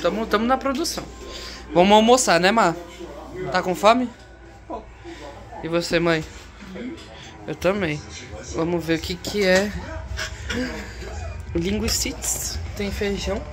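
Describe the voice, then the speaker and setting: A woman's voice: mid-range voice, normal speed, pauses often, over music. Chatty Brazilian woman vlogging at home. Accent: Brazilian Portuguese. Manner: chatty, playful, cooing baby talk to dogs. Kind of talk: casual family vlog. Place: family house indoors.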